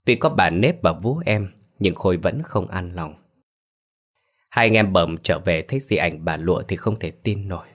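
Casual: guy with a really deep voice telling a creepy ghost story, slow and serious. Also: expressive. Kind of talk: scripted ghost story narration.

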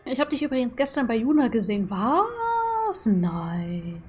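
A woman with a fairly high voice gives casual live commentary on a game. She mutters playful reactions in an informal, chatty way. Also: animated, brisk, mellow, slightly rough, soft background music. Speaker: video game streamer. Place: small indoor room at home.

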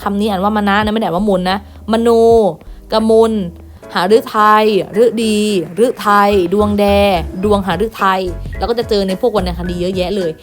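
A woman teacher giving an online lesson to primary pupils, reading words aloud one by one and gently repeating them. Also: mid-range voice, steady tone, moderate pace, faint music behind. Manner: patient, reads each word aloud and repeats with gentle "na kha" tags. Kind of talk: online class lesson, reading word lists.

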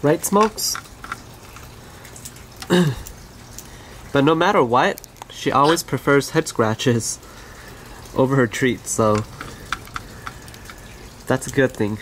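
A pet bird owner and channel host gently narrating pet footage in a casual, conversational way, recorded on the camera mic in an outdoor aviary. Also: medium pitch, takes it slowly, pauses often, slight background noise.

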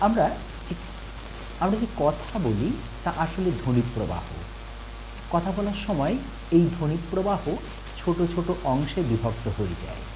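Lively male teacher over hiss. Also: a little high, normal speed, long pauses. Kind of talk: explanatory lesson. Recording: hissy recording.

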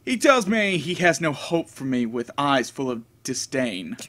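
A man's voice: medium pitch, very animated, measured pace, fairly bright tone. A man reading a visual novel aloud as a let's play host, with wry asides.

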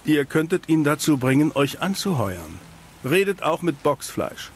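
A man's voice: a little high, big pitch swings, a little slow, a little hiss or hum. A male actor playing a world-weary, cynical private detective in a fantasy video game, with a dry noir drawl. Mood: businesslike, suspicious. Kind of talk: scripted video game dialogue in German dub.

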